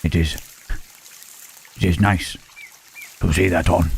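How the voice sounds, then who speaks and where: A man playing a gentle, lonely male monster in an ASMR roleplay, speaking haltingly and formally in a husky voice. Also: deep voice, flat delivery, a little hiss or hum, full character voice. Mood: gentle, warm. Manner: halting, formal speech without contractions, trailing "huh?". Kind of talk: ASMR roleplay, intimate scripted monologue to listener.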